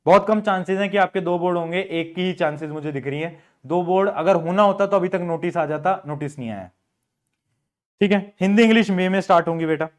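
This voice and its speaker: Chatty high-voiced male teacher. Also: brisk. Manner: chatty, repeats phrases, mixes English into Hindi. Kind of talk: online class lecture.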